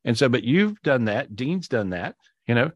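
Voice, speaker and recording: His voice is mid-range and sing-song, with no echo but a muffled recording, as this spiritual teacher and podcast host leads a live talk on a video call. He talks casually and keenly, repeats himself a lot, keeps restarting with "and so," and stretches his emphasized words.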